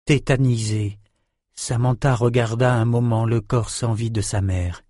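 A man narrates a novel chapter in a measured storytelling manner. His voice sits in a middle range, recorded close and dry. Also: mid-range voice, fairly even intonation, darkish tone, no echo. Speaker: audiobook narrator. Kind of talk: scripted narration.

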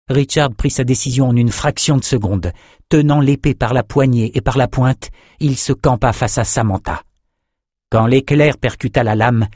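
A man reading a fantasy novel aloud in measured, dramatic scripted narration. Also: medium pitch, darkish tone, dry recording, clean studio sound. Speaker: audiobook narrator.

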